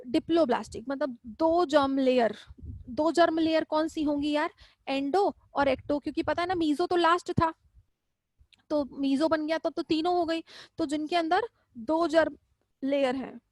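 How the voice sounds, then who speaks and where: In a live online class, a woman with a high voice teaches zoology in casual Hindi, chatty and affectionate, often echoing her students' questions back to them. The audio is dry.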